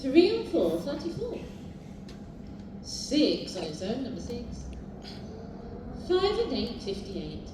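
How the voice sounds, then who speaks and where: A British woman working as a bingo caller, announcing numbers live in a sing-song, formulaic way with measured repetition. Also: a little high, huge pitch swings. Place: large echoing indoor bingo hall. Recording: very echoey hall, distant, noisy.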